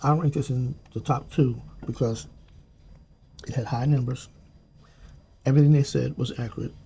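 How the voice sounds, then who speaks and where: A man's voice: mid-range voice, fairly even intonation, moderate pace, creaky, mellow, slightly rough. An older man in casual chat, laid-back with short answers and dry jokes. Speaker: co-host, husband.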